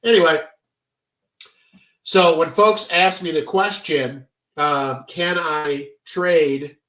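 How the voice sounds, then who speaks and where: A man's voice: fairly high pitch, takes it slowly, a bit bright, echoey room, far from the mic. A congested man giving a casual, chatty trading tutorial, full of fillers and stop-start phrasing. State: stuffy, congested. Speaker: trading educator. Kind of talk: casual screen-share tutorial.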